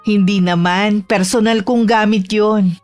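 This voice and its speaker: A woman's voice: mid-range voice, fairly even intonation, unhurried, darkish tone, soft background music, close to an everyday voice. Woman playing a coaxing sinister doctor. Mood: persuasive. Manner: reassuring, coaxing, defensive. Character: smooth-talking sinister female doctor. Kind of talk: audio drama acting.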